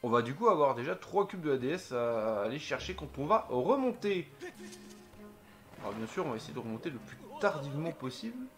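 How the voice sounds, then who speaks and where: A man's voice: on the high side, big pitch swings, brisk. Man chatting over game music. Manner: thinking aloud, hesitant, many fillers. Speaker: let's play host. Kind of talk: casual gameplay commentary.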